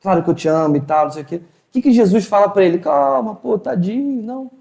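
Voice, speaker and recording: Man telling lively stories in a roomy hall. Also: sits high, fast talker, vocal fry. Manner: colloquial storytelling, acts out dialogue. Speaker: spiritual lecturer. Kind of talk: informal spiritual talk. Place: hall of a spiritual house. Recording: roomy echo.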